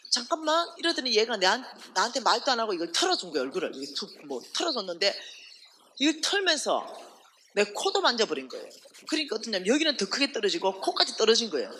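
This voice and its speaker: A woman's voice: medium pitch, fast talker, a little hiss or hum. A woman giving a testimony sermon at a revival meeting, telling her story animatedly and asking the audience rhetorical questions. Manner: animated storytelling, acting out quoted voices. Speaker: ministry staff speaker at a revival meeting.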